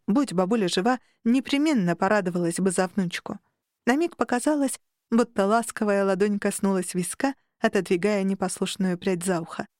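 A woman narrating an audiobook in the first person, with lively, ironic intonation, recorded close in a booth. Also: medium pitch, no echo.

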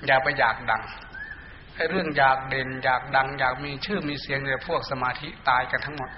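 Blunt monk in an echoey hall. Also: male voice, medium pitch. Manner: blunt, colloquial, scolding at times; chants Pali verses. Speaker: Buddhist monk teacher. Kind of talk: meditation dharma talk. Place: hall with monks and laypeople. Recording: muffled echoey hall recording, faint hiss.

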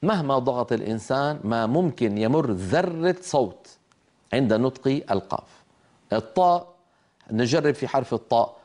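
A man's voice: mid-range voice, animated, moderate pace, a little mellow. Patient man teaching Quran recitation. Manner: patient, demonstrates letter sounds aloud; asks listeners to repeat after him. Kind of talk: televised tajweed lesson.

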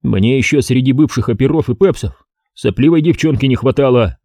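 A man voicing a gruff, impatient middle-aged police chief who talks in slang, in an audiobook. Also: medium pitch, a little fast, dark tone, no room sound, clean studio sound, lightly acted.

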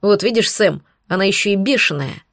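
A woman's voice: mid-range voice, lively intonation, fairly quick, dry recording, studio quality, close to an everyday voice. A woman voicing a rude, sneering young male student in an audiobook.

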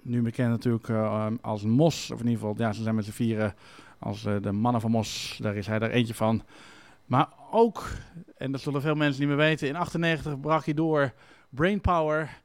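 Male radio DJ, mid-pitched, relaxed and halting between songs, crisp dry studio sound. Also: dry recording. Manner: casual, hesitant with many fillers. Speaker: radio host.

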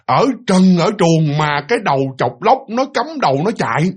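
Husky-voiced man telling a ghost story. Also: a little high, lively intonation, normal speed. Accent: Southern Vietnamese. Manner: addresses listeners as "you", acts out sounds. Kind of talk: casual spoken ghost story.

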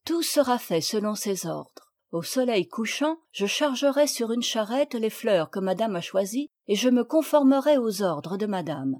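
A woman's voice: on the high side, expressive, normal speed, hardly any pauses, darkish tone, no echo, clean studio sound. A woman reading aloud, voicing a deferential male flower merchant who speaks with obsequious politeness.

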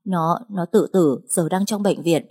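A woman playing a desperate middle-aged mother, tearful and imploring, in an audiobook. Her voice is husky and dark, a little raised when she begs. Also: on the low side, a little slow. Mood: pleading. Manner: imploring, insistent.

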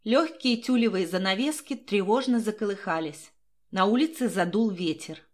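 A woman narrates a first-person audiobook in a steady, measured voice. Her pitch sits in a middle range, and she reads evenly, without hurry.

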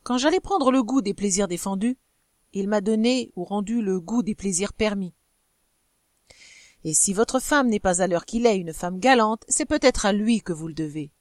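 A woman reads a young wife defending herself before her jealous husband. She pleads with rising, animated intensity, her voice higher than the narration. The sound is dry and close. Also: normal speed, no room sound, natural voice. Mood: earnest.

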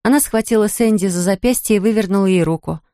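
A woman's voice: medium pitch, fast talker, dark tone, no room sound, studio quality. A woman narrating an audiobook steadily, voicing the characters herself.

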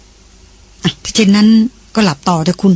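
A reader voicing a calm, protective young man in an audiobook, speaking evenly in a gentle, reassuring way with a husky tone. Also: normal speed, no room sound, lightly acted. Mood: gently teasing. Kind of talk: audiobook dialogue reading.

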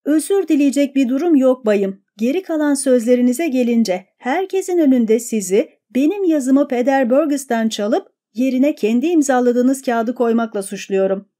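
A man's voice: extremely high pitch, lively intonation, normal speed, few pauses, mellow. Brief: woman doing a proud, quarrelsome male lawyer who accuses sharply, storybook reading. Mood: accusing.

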